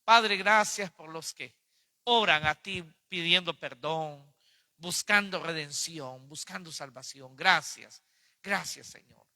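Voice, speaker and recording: A man preaching and praying, fervent, swinging from loud pleas to near-whispers. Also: on the high side, slow pace, no echo. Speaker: pastor teaching a Bible series. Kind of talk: sermon with prayer and altar call.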